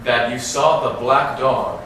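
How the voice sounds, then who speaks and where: Male attorney, polite formal questioning, mid pitch, distant from the mic in a very echoey room. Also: slow, a bit bright, a little hiss or hum. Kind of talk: courtroom questioning. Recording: distant, very echoey courtroom audio.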